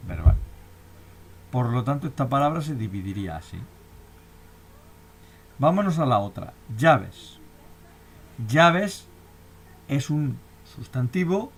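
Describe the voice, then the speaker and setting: A man's voice: medium pitch, darkish tone, a little hiss or hum. A man with a Spanish accent explaining a grammar lesson step by step, often asking if the class has understood. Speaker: teacher. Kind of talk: recorded lecture.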